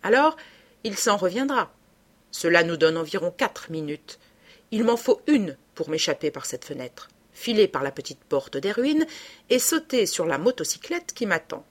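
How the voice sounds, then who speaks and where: A woman's voice: fairly low pitch, sing-song, normal speed. Woman reading a sneering villainous clerk. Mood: menacing. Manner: sneering, hammering his syllables. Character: menacing male court clerk, cruel villain. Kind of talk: audiobook reading.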